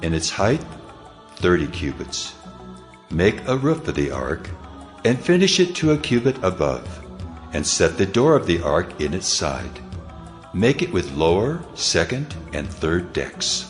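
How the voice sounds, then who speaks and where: God, a very deep booming voice. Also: male voice, very animated, unhurried. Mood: commanding. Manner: grave, commanding, declamatory. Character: God, solemn almighty male deity giving commands. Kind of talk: dramatized scripture reading. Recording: long cavernous reverb over music.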